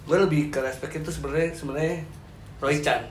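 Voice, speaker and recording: Higher-pitched Jakarta man, roomy recording. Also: steady tone, fast talker. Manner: informal, slangy. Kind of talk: casual chat. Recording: echoey room with faint noise.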